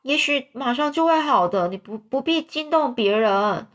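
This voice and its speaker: A woman's voice: sits high, animated, a bit bright, pitched above the performer's own voice. A woman voicing a mischievous boy faking illness, talking in a whiny, self-pitying way. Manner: whining, drawn-out, self-pitying.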